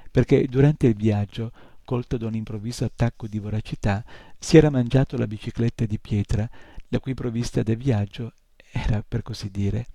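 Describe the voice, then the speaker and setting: A man narrates a fantasy novel in a measured, expressive reading voice. His tone is deep and mellow, with a gravelly texture. The recording is close and dry. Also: no room sound. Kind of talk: audiobook reading.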